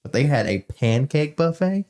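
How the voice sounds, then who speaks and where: A man's voice: on the high side, normal speed, slight background noise. A young man, co-hosting a podcast and telling jokey stories in casual chat. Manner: joking, animated storytelling. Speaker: podcast co-host.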